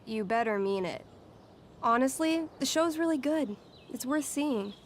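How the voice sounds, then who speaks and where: A woman's voice: sits high, expressive, a little slow, a little hiss or hum. A woman voicing a friendly, candid teenage girl student in a video game, chatty and conversational. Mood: indignant.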